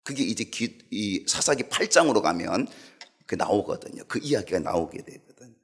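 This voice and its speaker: A middle-aged male pastor preaching a sermon in an animated way, asking the congregation questions. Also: fairly low pitch, moderate pace, breathy edge.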